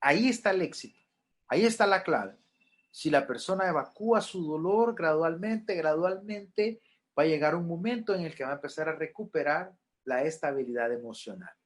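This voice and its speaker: Speaking briskly in a fairly high register, this middle-aged man is a pastoral counselor teaching a class about grief. He is earnest, drives his main points home by repeating them, and acts out the things people say.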